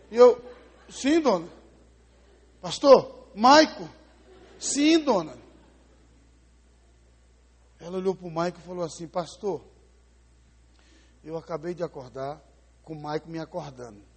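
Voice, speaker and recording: A man from preaching a sermon as pastor, telling a story and acting out the voices, swinging between loud and hushed. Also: fairly high pitch, slightly rough. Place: church sanctuary. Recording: live in a large church with long reverb.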